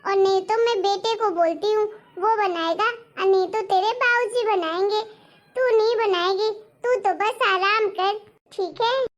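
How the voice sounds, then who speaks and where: A woman's voice: very high voice, a little slow, lo-fi sound. A woman voicing a teasing, affectionate older mother-in-law who scolds playfully and insists on having her way in a cartoon story. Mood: insistent.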